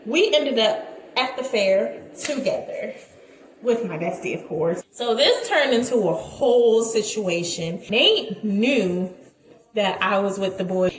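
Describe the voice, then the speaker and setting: A woman's voice: on the high side, roomy sound, poor audio. A young woman vlogger telling a story in a casual, dramatic way, with laughing asides.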